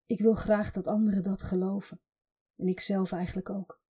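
Brief: a woman reading a hesitant mother of three, self-blaming, dark soft husky voice. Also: medium pitch, flat delivery, moderate pace, lightly acted. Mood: ashamed. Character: ashamed, worn-down mother of three boys.

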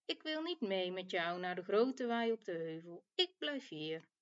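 A woman voicing a stubborn, defiant little male lamb in a storybook tale, shouting his refusals. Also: lively intonation, measured pace, muffled recording. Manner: shouts refusals, high and loud.

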